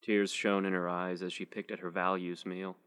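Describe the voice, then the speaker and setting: A man narrating a short story in a steady, measured first-person reading. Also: low-pitched, clear, resonant tone, no room sound. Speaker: audiobook narrator.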